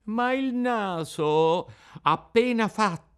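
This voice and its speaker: A man reading a children's tale aloud as narrator, with expressive, rising and falling storytelling. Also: high-pitched, slow pace, clean tone. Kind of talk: scripted narration. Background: faint music.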